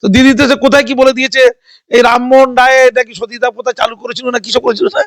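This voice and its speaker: A man delivers heated political commentary in a very high, fast voice. He is sarcastic and combative, firing rhetorical questions at his listener. The recording is dry and close. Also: little pitch movement, fairly bright tone, no room sound. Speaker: political interviewee.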